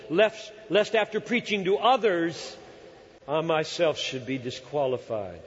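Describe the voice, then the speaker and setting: A man in his sixties preaching a sermon in an earnest, emphatic way, often pausing to search for words. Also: on the high side. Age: 60s. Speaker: pastor. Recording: dull hall recording with long reverb.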